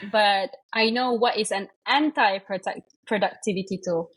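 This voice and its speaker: A young woman from Malaysia, chatting as an interview guest, full of fillers and quick self-corrections. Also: mid-range voice, husky, rough recording. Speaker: guest, investment manager. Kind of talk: casual interview chat.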